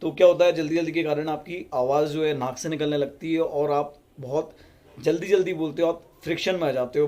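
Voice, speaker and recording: A man giving communication tips to his video audience in a calm, unhurried, deliberate way. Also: fairly high pitch. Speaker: YouTube self-help creator. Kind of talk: casual advice talk to camera.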